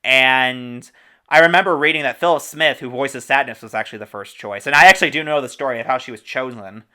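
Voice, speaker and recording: A man hosting a relaxed movie talk, keen to share behind-the-scenes trivia. His voice is bright and smooth, very clean in tone. He talks with easy enthusiasm and the odd laugh. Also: mid-range voice. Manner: enthusiastic, informative, quick asides with laughs. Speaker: podcast host. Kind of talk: casual movie discussion.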